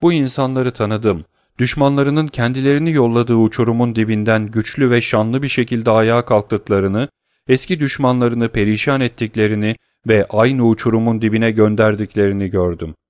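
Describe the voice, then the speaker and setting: A man's voice: medium pitch, fairly even intonation, normal speed, a little mellow, clean tone, no room sound, clean studio sound, close to an everyday voice. Man playing an earnest, resolute young nobleman.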